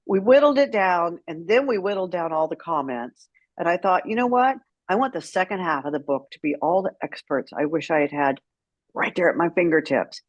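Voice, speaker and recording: Her pitch fairly low, a middle-aged woman recounts stories frankly and with dry humor during an interview, performing the lines people said. There's no echo, but the audio sounds dull.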